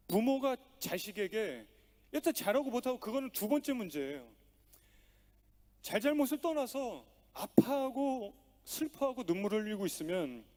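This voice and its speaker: A man's voice: high voice, a little mellow. A man preaching a sermon as pastor, telling stories with acted-out dialogue and strong emphasis. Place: church sanctuary.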